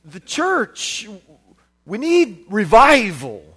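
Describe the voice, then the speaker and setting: A man preaching a sermon as a visiting preacher, impassioned, repeating his phrases and building up to shouts. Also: very high voice, huge pitch swings, very slow, husky.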